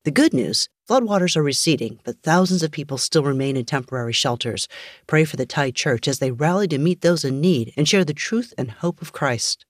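A woman reading a scripted radio news bulletin in a measured, even delivery. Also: low voice, no room sound, clean studio sound. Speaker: news reader.

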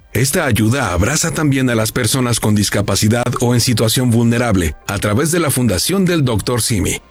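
Husky male narrator. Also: medium pitch. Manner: measured, polished delivery. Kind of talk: scripted documentary narration. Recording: voice-over with faint music.

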